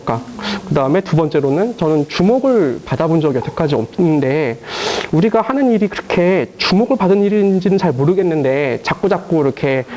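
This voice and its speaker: A man who works as a teacher, telling lively stories to an audience with lots of fillers and laughter. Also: on the high side, slight background noise. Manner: animated storytelling with frequent fillers and laughs. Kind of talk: casual talk to a live audience.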